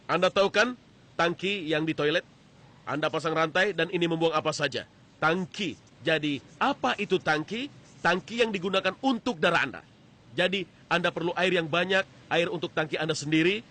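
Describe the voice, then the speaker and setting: A man giving a dubbed lecture voice-over, telling an anecdote with quoted back-and-forth dialogue. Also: fairly high pitch. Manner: animated storytelling with quoted dialogue.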